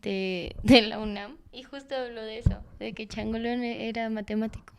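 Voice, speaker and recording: A woman's voice: on the high side, fairly even intonation, moderate pace, gravelly. A woman with a Mexican accent, co-hosting a podcast in casual chat, blunt and slangy, with some swearing. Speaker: podcast co-host.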